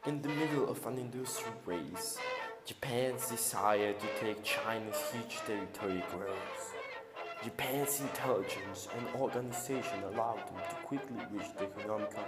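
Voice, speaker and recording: A man's voice: on the low side, moderate pace. Man narrating an old newsreel, echoey. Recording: roomy long reverb over clear music.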